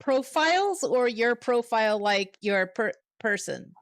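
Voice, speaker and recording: A woman's voice: fairly high pitch, animated, a little slow, no room sound. A woman hosting a livestream in a chatty way, laughing often, heard through a headset mic. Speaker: livestream host. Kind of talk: casual livestream chat.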